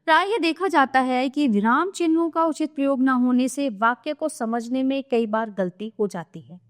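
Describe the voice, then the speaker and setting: Woman, teacher, grammar lesson for kids, slightly high voice, measured and clear. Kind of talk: scripted grammar lesson for children.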